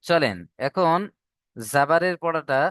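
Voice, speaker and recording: A man teaching Arabic letter vowels in an online class, patiently drilling syllables and repeating them slowly. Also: on the high side, animated, a bit bright, clean tone, dry recording, studio quality.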